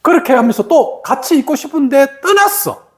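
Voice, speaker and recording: A woman meditation teacher speaks in a high voice with a lively, swooping pitch. She explains patiently through everyday examples. She draws the listeners in with rhetorical questions. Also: moderate pace.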